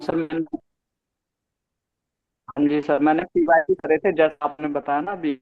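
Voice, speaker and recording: A male student asking his teacher a question in a hesitant, halting way. His voice keeps breaking up over a poor online call line. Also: fairly high pitch, big pitch swings, narrow, tinny audio.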